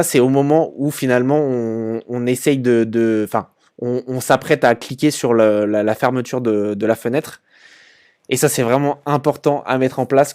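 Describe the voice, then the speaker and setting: A young man talks casually as he walks through a website on screen, stumbling over repeated words and fillers. His voice sits at an ordinary middle pitch, and he sounds informal and conversational. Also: a little mellow. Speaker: e-commerce channel host. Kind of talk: casual screen-share commentary.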